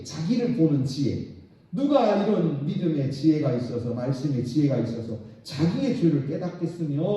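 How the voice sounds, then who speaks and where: A man's voice: on the high side, mellow. A middle-aged man preaching a sermon as pastor, dramatically acting out the voices of God and sinners. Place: church sanctuary. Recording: very echoey church hall, distant and dull.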